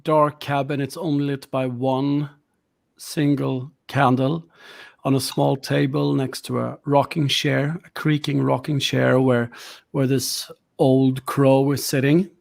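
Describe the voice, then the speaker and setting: A man's voice: mid-range voice, level tone, slow, creaky, darkish tone. A man with Swedish as his first language narrating a tabletop horror game as game master, rambling and searching for words.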